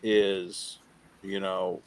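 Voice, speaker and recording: A man talking casually as a podcast guest, halting and rambling as he repeats himself, with informal swearing. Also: deep voice, flat delivery. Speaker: podcast guest, radio show co-host. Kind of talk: casual interview talk.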